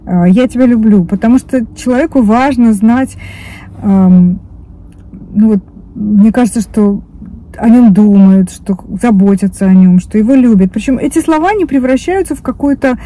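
Sitting in the driver's seat of a parked car, a woman in her fifties whose first language is Russian vlogs casually into a dashboard phone camera. Her soft, dark, warm voice is fairly high, and she rambles, restarting words and filling pauses. The audio quality is poor.

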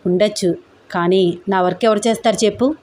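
A loving young man reassures his girlfriend in a steady, serious way, voiced by a woman reading an audio story. The pitch stays at the middle, with no deep shift for the male part. The delivery is plain storytelling, reassuring and earnest. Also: brisk, lightly acted.

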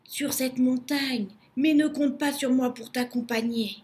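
A woman's voice: sits high, steady tone, a little slow, darkish tone. A woman voicing a fearful, secretive llama in a storybook, in whispered role-play.

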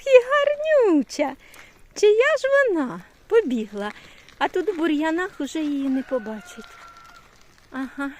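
A woman's voice: on the high side, a little hiss or hum. A retired woman in her sixties from Ukraine, chatting casually in a vlog and cooing baby talk to a toddler on an evening walk outdoors. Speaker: retired vlogger, great-grandmother.

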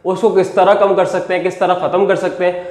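A young man, a fitness trainer, talks earnestly on a lapel mic for a home workout vlog, repeating his points for emphasis. His voice sits high with a darkish tone and little pitch movement, and he speaks briskly. He's in a small, bare indoor room that sounds echoey.

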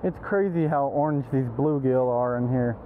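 An angler vlogger from East Texas chats outdoors beside a creek, filmed on a first-person action camera, using informal, exclamatory buddy-style slang. His medium-pitched voice moves at a normal speed, but the audio is thin and phone-like with a noisy background.

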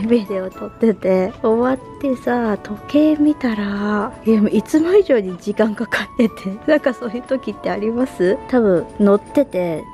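A woman chatting casually to her viewers in a relaxed running commentary as a lifestyle vlogger. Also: mid-range voice. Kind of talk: casual vlog chat.

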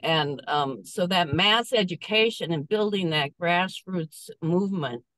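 A woman calling into an online meeting on a car speakerphone while driving, speaking earnestly and steadily with frequent pauses. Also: on the low side, fairly bright tone, no echo, low-quality recording. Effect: calling in over a car speakerphone. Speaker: meeting participant. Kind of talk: casual video call discussion. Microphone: phone speakerphone.

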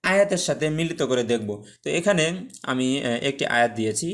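A young man teaching Quran reading with tajweed in an online lesson, explaining step by step with frequent filler sounds and chanting Arabic words slowly. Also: medium pitch, fairly bright tone. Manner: patient, explains step by step, many "ah" fillers, checks "okay?".

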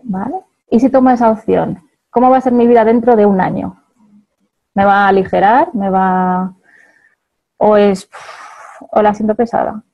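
A woman's voice: mid-range voice, steady tone, normal speed, long pauses, highs cut off. A woman with a Spain Spanish accent giving a chatty motivational talk to an audience, laughing often and checking in with her listeners.

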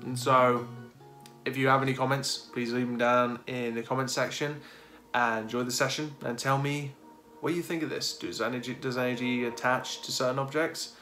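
Pushed and bright, his mid-range voice holds a steady tone at a moderate pace. A paranormal video host in his thirties, he speaks casually and with hesitation to camera from a dark indoor room while guitar music runs underneath.

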